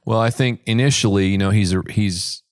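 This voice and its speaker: A man's voice: lowish voice, brisk, dry recording, studio quality. An older man co-hosting a film podcast, musing in a thoughtful, rambling way with frequent restarts. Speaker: podcast co-host, the dad. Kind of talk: casual film discussion.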